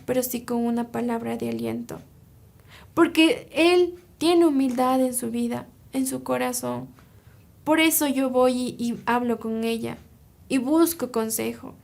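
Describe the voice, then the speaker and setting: A woman's voice: high-pitched, vocal fry. A woman from Ecuador preaching a live sermon, telling a parable and checking in with her listeners as she goes. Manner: earnest, asks "¿sí?" often. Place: church streaming live.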